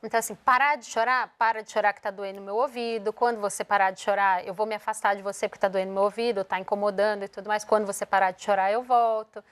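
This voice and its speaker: A woman's voice: medium pitch, fairly even intonation, fast talker, hardly any pauses, clean tone. A woman from Brazil, a guest on a TV morning show, explaining how parents can handle tantrums and acting out what a parent might say. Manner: explanatory, acts out parent and child lines. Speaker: educational psychologist guest. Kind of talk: TV morning show interview, giving parenting advice.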